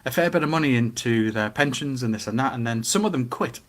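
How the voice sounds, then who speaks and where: A man's voice: medium pitch, quick pace. Middle-aged man with a Geordie accent. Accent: Geordie, Newcastle. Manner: animated storytelling with acted-out quotes and rhetorical questions. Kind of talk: casual opinionated chat.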